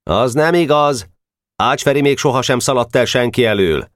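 A man's voice: mid-range voice, lively intonation, dry recording, clean studio sound, pitched above the performer's own voice, lightly acted. Man doing a stubborn protesting schoolboy. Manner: protesting, then quieter. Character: stubborn schoolboy defending a rival.

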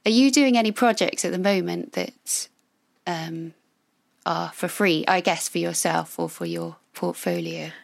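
A woman with a gravelly voice chatting casually and reflectively as a friendly podcast co-host. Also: lowish voice, steady tone, a little slow, no room sound, clean studio sound.

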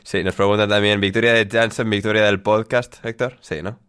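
A man from Spain hosting a casual podcast, relaxed with dry humor, reading out listener questions. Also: lowish voice, fairly quick, clear, resonant tone, dry recording. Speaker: podcast host.

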